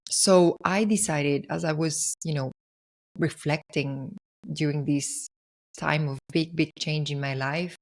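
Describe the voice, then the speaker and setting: Low-voiced woman from Argentina hosting a podcast. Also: fairly even intonation, slow pace. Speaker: podcast host. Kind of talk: personal storytelling monologue.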